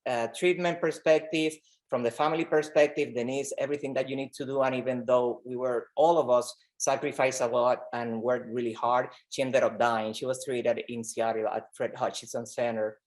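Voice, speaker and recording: A man from Rico, a doctor telling his story in an interview, earnest and halting, with many fillers and repeated words. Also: mid-range voice, level tone, darkish tone. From Puerto Rico. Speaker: pediatric oncologist guest. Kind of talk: conversational interview.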